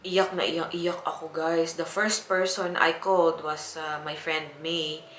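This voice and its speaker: A woman's voice: low voice, flat delivery, slow, a bit bright, faint music behind. A young woman from the Philippines, telling a personal story to her viewers in a chatty way with frequent laughs. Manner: chatty, laughing often, with many fillers. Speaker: vlogger. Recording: echoey room.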